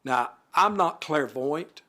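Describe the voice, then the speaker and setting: A man's voice: fairly high pitch, expressive, slow, sharp tone. A man on a city board, reading prepared remarks at a council meeting in a formal manner. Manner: formal, reads prepared remarks with occasional asides. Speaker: city alderman.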